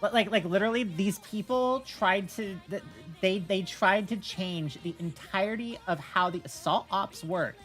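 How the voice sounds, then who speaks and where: A streamer who also runs a game server chats casually on a livestream, often stammering and repeating words while she explains things. Her voice is medium-pitched and a bit bright, moving at a moderate pace with few pauses, and faint music plays behind her.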